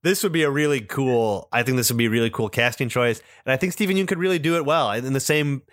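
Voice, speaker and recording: A man's voice: medium pitch, fast talker, fairly bright tone, no echo, clean studio sound. A young man co-hosting a casual chat, rambling a little and laughing often. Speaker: podcast co-host.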